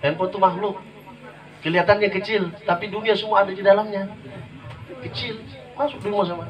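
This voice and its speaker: A man preaching to a gathering, telling his story in a lively, jokey way and acting out the people in it. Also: high-pitched, fairly quick, far from the mic, low-quality recording. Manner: lively, jokey, acts out quoted voices. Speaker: guest preacher. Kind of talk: humorous sermon storytelling. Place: religious gathering before an audience. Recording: live audience noise audible.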